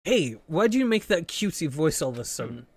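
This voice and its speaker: A woman streamer reading game dialogue aloud, voicing every character in an animated way. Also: low voice, quick pace, breathy edge, dry recording, clean studio sound.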